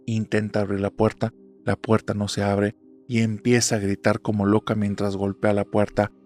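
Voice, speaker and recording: A man's voice: lowish voice, monotone, normal speed, darkish tone. A man narrating a horror story in a suspenseful, dramatic telling. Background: faint music.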